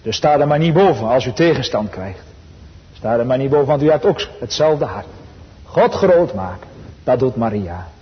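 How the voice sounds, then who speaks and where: A man preaching a sermon to his congregation, earnest and emphatic, slowing for quotations and rising in fervor. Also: medium pitch, lively intonation. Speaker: pastor. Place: church. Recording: dull sound with long church reverb.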